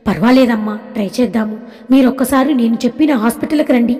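Woman reading as a calm reassuring man. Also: on the high side, fast, long reverb tail, lightly acted. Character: helpful married man, calm.

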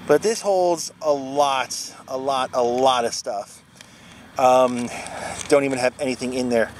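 A man's voice: medium pitch, measured pace, slight background noise. A man in his forties from Wisconsin casually walking through his touring bike gear in one take, rambling with lots of fillers and self-corrections, filmed outdoors at a trailhead with a handheld camera at arm's length. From Wisconsin, USA. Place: outdoors at a trailhead parking area. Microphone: handheld action camera at arm's length.

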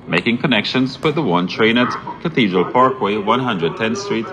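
A man's voice: on the low side, lively intonation, moderate pace. A man reading a scripted public transit announcement in the manner of an airport announcement. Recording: busy crowd noise behind. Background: crowd noise.

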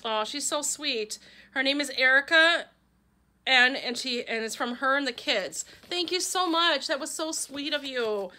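Bright, high-voiced gushing woman vlogger. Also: expressive, a little slow. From Wisconsin, USA. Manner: gushing, chatty, talks to her pet. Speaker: vlogger opening fan mail. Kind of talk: casual chat.

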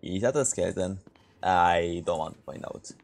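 A man's voice: deep voice, normal speed, vocal fry. A young man from Romania streaming a game, chatting casually with viewers in a laid-back, joking way with frequent laughs. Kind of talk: casual gameplay chat with viewers.

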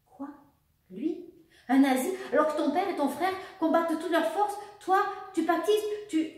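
A woman's voice: a little high, expressive, unhurried. A woman doing a furious proud baroness. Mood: outraged. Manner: sharp, indignant outbursts. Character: furious aristocratic mother, a baroness, icy and proud. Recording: echoey room, voice far from the mic.

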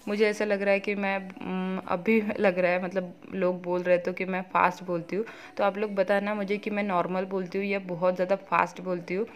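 A woman in her thirties vlogging at home, talking quickly and chattily with many fillers as she cooks and does chores; her first language is Marathi. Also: mid-range voice, flat delivery. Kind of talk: casual home vlog, cooking and chores.

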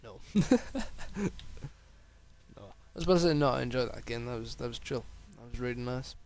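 A young gaming video creator rambles casually over his gameplay in a medium-pitched voice with vocal fry, at normal speed. He sounds tired, laughing, swearing now and then, and drifting into rambling asides.

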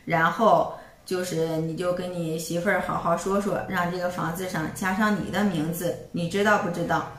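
A woman's voice: on the low side, steady tone, moderate pace, reverberant, a little hiss or hum, lightly acted. A woman voicing a scheming widowed mother-in-law in her own plain voice, coaxing and nagging.

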